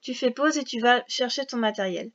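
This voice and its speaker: A woman's voice: on the high side, fairly quick, fairly bright tone. A woman teaching a reading lesson to young children, patiently sounding out syllables and letters one by one. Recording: dull lo-fi sound.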